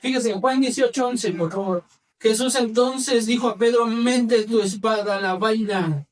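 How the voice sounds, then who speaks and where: Emphatic pastor preaching in church. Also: male voice, sits high, distant mic. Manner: asks the congregation questions and has them repeat phrases; emphatic, shifts from brisk to slow and soft. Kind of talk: sermon.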